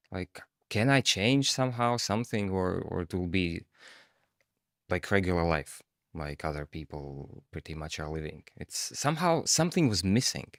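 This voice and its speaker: A man's voice: on the low side, fairly bright tone, no echo, studio quality. A man, co-hosting a podcast and talking reflectively, with hesitant fillers. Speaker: podcast co-host. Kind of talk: casual podcast chat.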